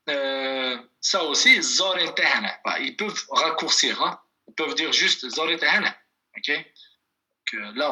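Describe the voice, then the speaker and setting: A man teaching a language class over a video call, speaking slowly and patiently, repeating phrases and calling on students by name. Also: on the high side, pushed and bright.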